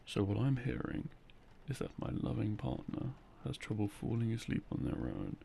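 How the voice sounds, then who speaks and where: A man acts out a gravelly, hushed boyfriend in an intimate ASMR roleplay, his lowish voice very animated and heavily acted at a moderate pace. The loving character is gently teasing and a little jealous, speaking softly, closely and coaxingly. It's a close binaural recording with faint noise.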